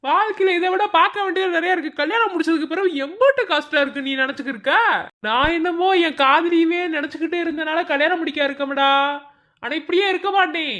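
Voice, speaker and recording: A woman voicing an older male village drinker in a cartoon, speaking in a Madurai Tamil accent and scolding a younger friend in a gruff, slangy and tender way. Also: very high voice, quick pace, fairly bright tone. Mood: consoling.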